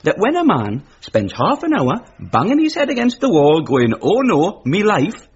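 Cheeky gullible servant for radio comedy, high pitched and swoopy, bit muffled. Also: male voice, wildly swooping pitch, moderate pace, husky, full character voice. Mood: prodding. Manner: blunt, bantering, bluffing. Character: cheeky, gullible servant valet, an ordinary working man. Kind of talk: radio comedy drama acting.

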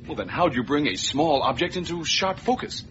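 A man's voice: on the high side, animated, a little fast, lightly acted. An actor playing a prim android man newly turned human, talking in a fussy, formal way as a robot faking human ways. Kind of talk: sitcom acting. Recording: dull TV sound with audience laughter and noise.

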